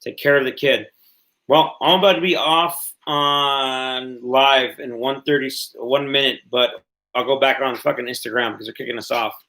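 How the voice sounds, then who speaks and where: A man in his late thirties hosts a casual livestream podcast, rambling, repeating himself and swearing freely as he chats. His voice is medium-pitched, steady and sharp, at a moderate pace, and the audio quality is poor.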